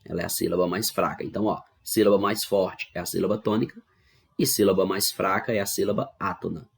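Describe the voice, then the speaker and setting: Man, Brazilian Portuguese accent, teacher, online class, patient step-by-step explaining, husky, lowish voice. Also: fairly even intonation, fairly quick. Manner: patient, explaining step by step with frequent check-ins. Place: home recording for online class.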